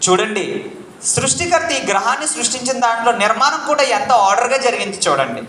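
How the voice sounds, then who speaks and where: A man giving an interactive spiritual lecture to a live audience, quizzing them and pressing them to answer loudly, repeating key points like a chant. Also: very high voice, very animated, fast talker, slight background noise. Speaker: spiritual teacher. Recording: echoey room.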